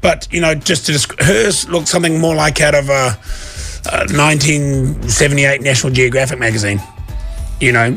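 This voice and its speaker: A man with a New Zealand accent doing rambling, deadpan comic banter as a casual radio host. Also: fairly high pitch, moderate pace, faint music behind.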